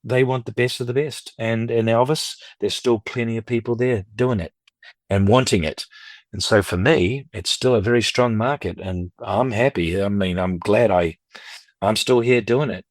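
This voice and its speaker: A middle-aged record collector and dealer speaks in a lowish voice at a moderate pace, chatting casually as a podcast interview guest. His talk is rambling and full of anecdotes where he acts out other people's speech. The recording is dry.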